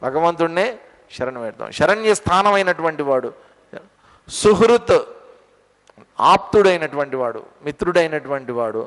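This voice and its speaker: A man with a notably high voice gives a scripture discourse, explaining words one by one and putting questions to his listeners. His voice carries a long reverb, as if it is filling a large hall. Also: animated, moderate pace, pauses often, a bit bright. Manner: explains word meanings and drills pronunciation, asks the audience questions. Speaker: Gita teacher. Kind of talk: spiritual discourse with verse chanting. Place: lecture hall.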